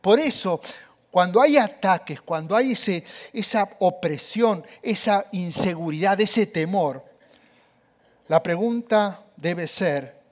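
A man's voice: sits high, lively intonation, slow. A man preaching a sermon, speaking animatedly and addressing the audience directly.

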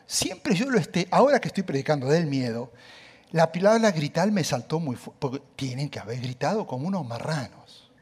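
A male pastor preaching a sermon, emphatic and conversational, with quick asides to the congregation. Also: on the high side, very animated, a little mellow, husky.

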